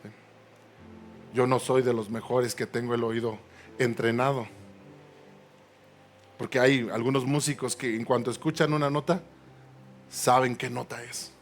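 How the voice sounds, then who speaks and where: A man's voice: medium pitch, fairly even intonation, a little slow, pauses often. A male pastor preaching a sermon in a church. He builds to emphatic peaks, prompts the congregation to respond, and makes playful asides. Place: church sanctuary.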